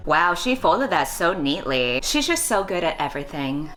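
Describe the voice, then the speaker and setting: A woman's voice: low voice, sing-song, normal speed, fairly bright tone, faint music behind. A woman hosting a reaction video with slangy, exaggerated, sarcastic commentary and free swearing. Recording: faint background noise.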